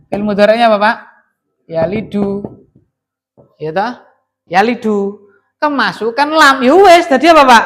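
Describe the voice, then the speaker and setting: In this classroom lesson, a Javanese-accented man patiently explains Arabic grammar and keeps quizzing his students with questions. His voice sits high and has a fairly bright tone.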